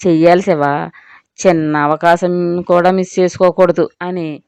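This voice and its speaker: A woman's voice: lowish voice, level tone, measured pace, gravelly, a little mellow, smooth, no room sound, highs cut off. A woman voicing a playful, scheming young woman who coaxes a friend into a plan. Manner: coaxing, mischievous.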